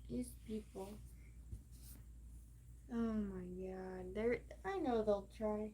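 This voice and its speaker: Slow, profane, rambling woman streamer. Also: medium pitch, steady tone, mellow, a little hiss or hum. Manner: rambling, profane, emphatic, with many fillers. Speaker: livestream host. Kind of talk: rambling livestream monologue.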